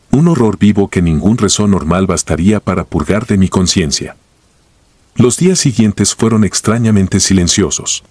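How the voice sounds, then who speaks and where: A man with a deep, husky voice tells a first-person horror story in a grave, steady scripted narration. The sound is dry and close, with no room around it. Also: no echo.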